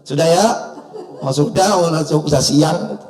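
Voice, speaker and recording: A man preaching a sermon in a mosque, lively and joking, acting out little household exchanges as he teaches. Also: on the high side, a little slow, reverberant.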